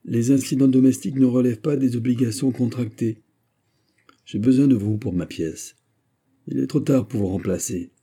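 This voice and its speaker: A man reading the part of a haughty, domineering prince in an audiobook, lordly and commanding, with a husky voice. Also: mid-range voice, moderate pace, dark tone, voice pushed up.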